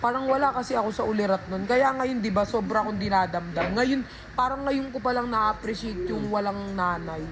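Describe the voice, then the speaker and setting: A woman's voice: medium pitch, a little fast, background noise. A woman telling a rambling story on a casual livestream, talking into a phone and calling her viewers guys and be.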